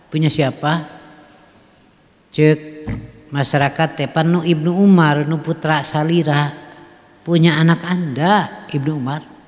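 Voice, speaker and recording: A man's voice: a little high, a little mellow. A man with a Sundanese accent giving a folksy mosque sermon, putting questions to his listeners. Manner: folksy, mixes in regional phrases, asks the audience questions, chuckles. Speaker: preacher. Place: mosque hall. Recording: long hall reverb.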